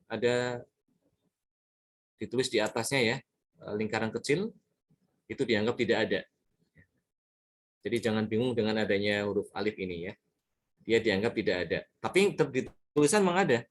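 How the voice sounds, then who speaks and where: In a tajwid lesson explaining examples, a man teaches the rules of Quran recitation. His voice sits at medium pitch and moves a little fast, with frequent pauses. He is patient, repeating words and examples and often checking in with his listeners.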